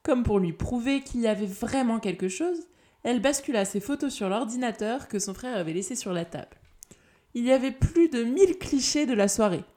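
A woman narrating a novel in an even reading voice. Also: fairly high pitch. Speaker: audiobook narrator. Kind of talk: scripted narration.

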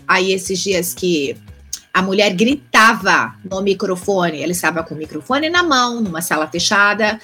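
A woman's voice: medium pitch, lively intonation, moderate pace, bright, forceful tone, soft background music. A woman with a Brazilian Portuguese accent, a conference interpreter chatting casually as an interview guest, rambling through lists and restarts.

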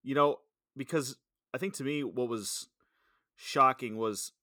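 A man's voice: medium pitch, a little slow, pushed and bright, no echo, studio quality. A man co-hosting a podcast in casual chat, swearing often and rambling through restarts. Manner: profane, rambling with frequent restarts.

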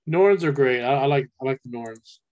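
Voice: mid-range voice, animated, moderate pace. A person chatting casually while gaming, heard over a speakerphone, often trailing off mid-sentence. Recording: dull lo-fi speakerphone sound.

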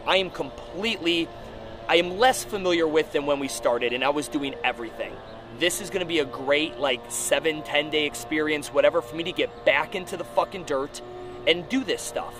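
A gym owner delivers a blunt, profane, casual podcast monologue from a rooftop, like informal coaching. His fairly high voice moves at normal speed over music, with traffic and city noise around him.

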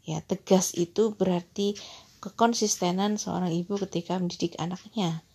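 Woman, calm islamic parenting talk, raspy low-toned voice, measured. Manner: calm, measured, addresses listeners as brothers and sisters.

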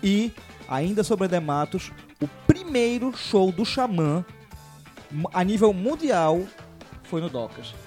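A man's voice: high voice, big pitch swings, slow pace, darkish tone, faint music behind. A man with a Recife accent hosting a casual podcast chat in a jokey, teasing way, moving the group from topic to topic. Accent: Recife, Pernambuco. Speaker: podcast host.

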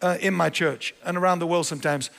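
Pastor guy giving a sermon, pretty high pitched, hammers his points home, big echoey hall. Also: steady tone, fast talker, vocal fry, fairly bright tone, slight background noise. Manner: emphatic, repeats key phrases.

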